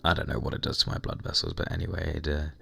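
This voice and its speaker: Croaky deep guy rambling while he games, gravelly. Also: fairly even intonation, very fast, a bit bright. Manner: rambling, chatty, mild swearing. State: hoarse, recovering lost voice. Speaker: gaming vlogger. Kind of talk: casual chat while playing a game. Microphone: desk microphone at computer.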